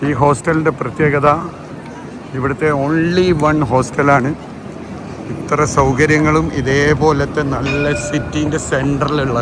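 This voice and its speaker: A man with a Malayali accent giving casual, chatty travel vlog commentary, mixing English words into his Malayalam and often tossing short questions to viewers. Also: fairly high pitch. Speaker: travel vlogger. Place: outdoors on city streets. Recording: noisy outdoor street and traffic ambience.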